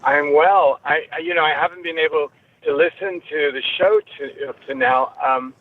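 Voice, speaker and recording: Woman caller on a clipped phone line. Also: deep voice. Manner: earnest, halting with restarts. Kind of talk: call-in chat. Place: moving car. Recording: tinny phone line with road noise.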